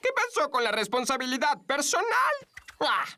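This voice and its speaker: A cranky, self-important little male monkey from a cartoon. The voice is bright and sharp, swinging wildly in pitch with petulant sarcasm. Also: sing-song, normal speed, exaggerated voice. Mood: fussy. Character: cranky, fussy male tamarin monkey curse-breaker.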